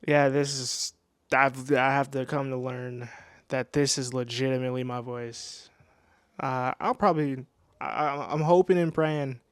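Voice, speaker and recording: A man's voice: mid-range voice, level tone, measured pace, smooth, dry recording. A nineteen-year-old man telling a casual storytime into his microphone at home, rambling with lots of restarts and slang. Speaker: vlogger. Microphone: new desk microphone.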